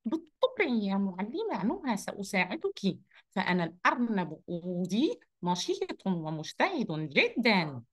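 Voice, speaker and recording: A woman's voice: mid-range voice, normal speed, voice pushed down. Woman voicing Oudi, a cheerful rabbit. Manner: lively, upbeat, speaks to children. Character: cheerful energetic male rabbit storyteller. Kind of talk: children's online lesson role-play.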